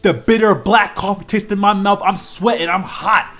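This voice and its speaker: A man in his twenties streams live while drawing, rambling casually with lots of fillers and restarts. His voice is high-pitched and fairly bright, with fairly even intonation and a normal speed.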